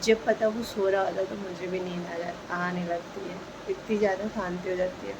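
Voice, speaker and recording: Woman, casual home vlog, soft sleepy talk, lowish voice, noisy background. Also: vocal fry. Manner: sleepy, slow and soft-spoken. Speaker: vlogger. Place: dim home at morning. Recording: steady background noise. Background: rain.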